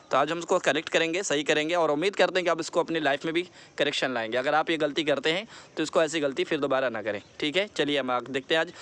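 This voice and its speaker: Slow, drilling male teacher. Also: fairly high pitch, fairly bright tone. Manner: slow, deliberate, repeats words for drilling; mixes English phrases into Hindi explanation. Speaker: English teacher. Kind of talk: classroom-style lesson.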